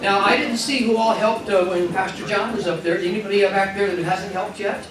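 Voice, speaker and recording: A man's voice: high-pitched, steady tone, fairly quick, noisy background. A man hosting a live magic show on stage, joking and coaxing the audience to play along. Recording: echoey hall, from far off, loud music.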